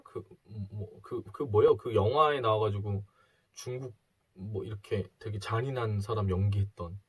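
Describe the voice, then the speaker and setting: A man's voice: medium pitch, darkish tone, slightly rough. A man in his thirties giving a casual video sermon, telling a story in a chatty way and acting out the people in it. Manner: chatty storytelling, acts out quoted voices. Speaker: preacher.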